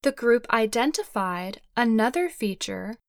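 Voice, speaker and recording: A woman reading a scripted report with slow, careful, measured and explanatory delivery. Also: fairly high pitch, animated, no room sound, studio quality. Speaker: narrator of a learning-English news report.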